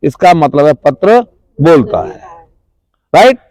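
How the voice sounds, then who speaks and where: A trainer at a rural self-employment institute gives a classroom lecture in a slightly high, sing-song, slow, somewhat mellow voice with no room sound. He poses questions to the class, answers them himself, and repeats key words.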